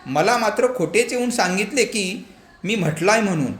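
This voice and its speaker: A man's voice: sits high, lively intonation, normal speed, a bit bright, voice pushed up. A man voicing a stern but loving village mother who scolds her son, in a storybook reading. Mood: scolding. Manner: scolding, insistent. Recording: echoey room, faint background hum.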